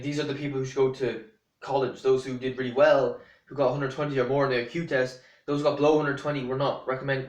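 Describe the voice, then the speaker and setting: Rambling young-sounding man in an echoey room. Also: medium pitch. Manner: rambling, many fillers and restarts, blunt. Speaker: vlogger. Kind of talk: casual rant to camera.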